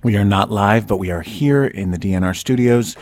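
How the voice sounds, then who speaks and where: A man's voice: on the low side, normal speed, darkish tone. A man hosting a comedy podcast from a studio, campy, brash and playful in casual chat. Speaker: podcast host. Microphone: studio mic.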